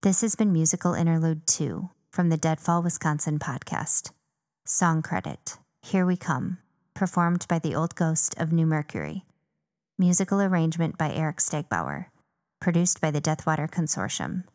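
A woman's voice: deep voice, expressive, normal speed, a little mellow. A woman narrating as a formal archivist logging recordings as evidence, in a procedural, scripted delivery.

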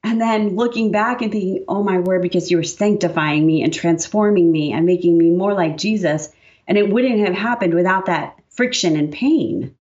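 A woman's voice: fairly low pitch, normal speed, a little mellow, lo-fi sound. A woman guest who writes and speaks, talking earnestly and reflectively in a casual faith conversation. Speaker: podcast guest, author and speaker.

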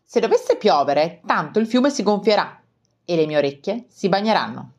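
A woman's voice: mid-range voice, very animated, moderate pace, darkish tone, dull audio, voice pushed up. A woman doing a cheerful storybook bat girl. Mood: matter-of-fact. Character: odd, cheerful female bat, upside-down thinker.

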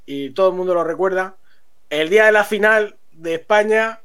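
A man tells a story to friends on a stream. He is animated and laughs often as the tale unfolds. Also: sits high, normal speed, clean tone.

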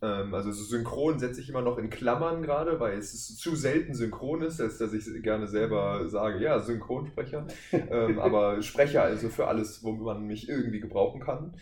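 A voice actor in his twenties from Wuppertal, Germany, chats casually as a podcast guest, joking and poking fun at himself. His voice is on the low side with a darkish tone at a moderate pace, and the indoor room he shares with the hosts gives a roomy echo and faint background noise.

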